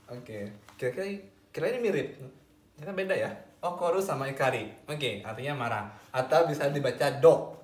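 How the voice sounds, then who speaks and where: A man's voice: on the high side, fairly quick, echoey room. A man with an Indonesian accent teaching Japanese in a casual video lesson, playful and teasing, laughing often.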